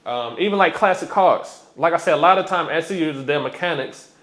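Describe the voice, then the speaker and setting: A man's voice: fairly high pitch, brisk. A man, hosting a casual explainer vlog and talking directly with plenty of fillers. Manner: animated, direct, lots of fillers. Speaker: YouTube host. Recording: echoey room.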